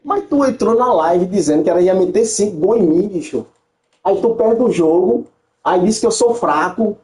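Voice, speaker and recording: A man's voice: high voice, lively intonation, moderate pace, dark tone. A young man, a gaming streamer bantering on a live stream, teasing and mocking with frequent laughs. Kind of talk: livestream banter while playing. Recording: roomy echo.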